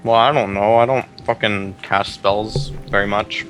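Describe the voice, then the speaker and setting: A man chatting casually during a tabletop game, easygoing and quick to laugh. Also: lowish voice, fairly even intonation, fairly bright tone, soft background music, poor audio. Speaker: player.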